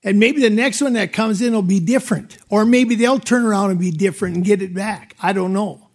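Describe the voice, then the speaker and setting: A man's voice: sits high, a little fast. A middle-aged man from North Dakota, giving emotional, plain-spoken testimony as a landowner at a public hearing.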